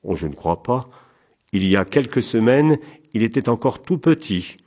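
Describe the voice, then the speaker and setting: A man's voice: medium pitch, animated, moderate pace, darkish tone, voice pushed up, natural voice. A man reading the part of a polite, weary male traveller, in a mild, easygoing, hesitant way.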